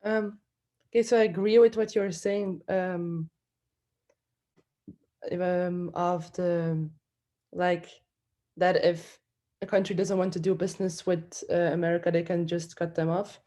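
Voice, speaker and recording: A woman's voice: on the low side, level tone, measured pace, pauses often, dark tone. A woman from Belgium, a student giving a hesitant debate rebuttal on a video call. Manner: hesitant, many fillers.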